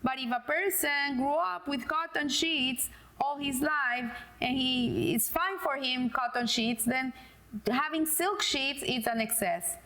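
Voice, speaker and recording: A woman's voice: sits high, a little slow, bright, forceful tone. A middle-aged woman giving a casual religious lesson, hesitant, with many fillers and restarts. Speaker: Torah teacher.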